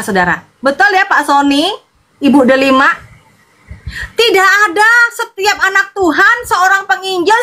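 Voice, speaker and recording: A woman evangelist from Madura, preaching in an animated livestream sermon and greeting her viewers by name, with a loud, sharp voice. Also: very high-pitched. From Madura, Indonesia.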